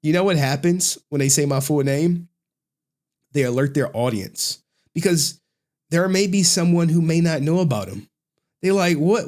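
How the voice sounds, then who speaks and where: An American man with a fairly high, very lively voice that swings up and down. He talks like an online commentator riffing casually and mockingly on clips, repeating phrases for emphasis.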